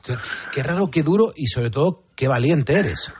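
A man from Spain with a husky voice, hosting live radio and talking with a listener. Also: fairly high pitch, animated, moderate pace, no room sound, studio quality. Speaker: radio host.

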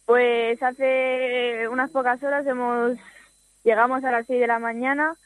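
A teenage girl from Spain speaks over a phone line, answering shyly with many pauses and little laughs. Her voice stays flat in pitch, and the line sounds dry and close. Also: no echo. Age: teens. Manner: shy, hesitant, laughs often. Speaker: youth footballer guest. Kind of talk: phone interview.

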